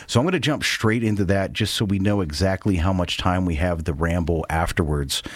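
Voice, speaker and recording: A man in his forties hosts a podcast, casually interviewing a band in a living room. His voice is low and brisk, and the recording is dry. He rambles in a friendly way and restarts his sentences often.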